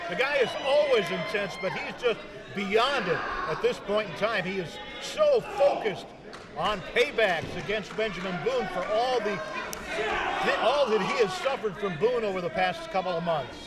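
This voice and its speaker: A man giving excited play-by-play commentary at a live wrestling match. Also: high-pitched, normal speed. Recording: loud crowd all around.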